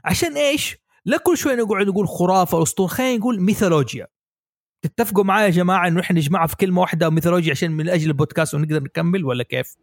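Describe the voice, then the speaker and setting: A man hosting a podcast, explaining ideas in a lively way and asking his guests for their views. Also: high-pitched, rapid-fire, no echo, studio quality. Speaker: podcast host. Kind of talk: casual podcast discussion.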